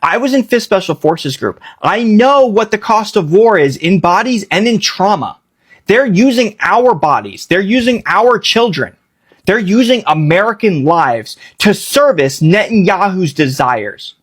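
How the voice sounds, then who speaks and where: A man's voice: high voice, sing-song, unhurried, husky. A man giving blunt, heated political commentary, with swearing.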